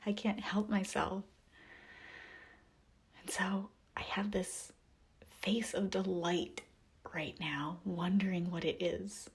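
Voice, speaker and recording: Long pauses mark this guided meditation visualization, narrated by a woman whose voice is soft, breathy and whispery. Her manner is gentle and soothing, her voice mid-range and her tone level.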